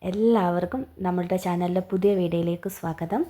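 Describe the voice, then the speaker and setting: A woman's voice: fairly low pitch, fairly even intonation, brisk, mellow. A young woman narrating a storybook aloud as the heroine, in a chatty, teasing first-person way. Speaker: audiobook narrator.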